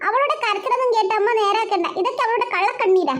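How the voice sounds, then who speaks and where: A woman's voice: very high voice, fast, fairly bright tone. Woman voicing a bossy, teasing big sister. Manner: teasing, know-it-all. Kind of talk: cartoon voice acting.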